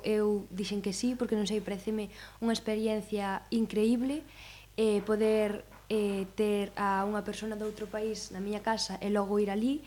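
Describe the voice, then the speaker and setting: An enthusiastic teenage girl talks about her experience as a student guest. Her tone is upbeat and lively. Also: mid-range voice. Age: teens.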